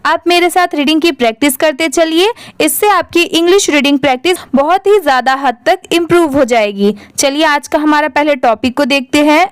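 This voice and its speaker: A woman's voice: sits high, brisk, few pauses, no room sound, clean studio sound. A woman teaching a reading lesson, spelling words out letter by letter and asking and answering her own questions.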